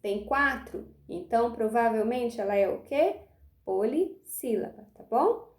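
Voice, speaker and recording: A woman's voice: on the high side, expressive, roomy sound. A woman teacher gives a remote lesson to young pupils, stretching her words and checking in often. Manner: patient, drawn-out words, often asks "tá bom?". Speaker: primary school teacher.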